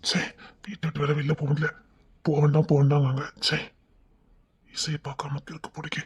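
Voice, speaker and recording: A man's voice: on the high side, little pitch movement, quick pace, husky. A man playing a young man who is lovesick and restless, sighing and muttering to himself. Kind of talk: web series drama acting.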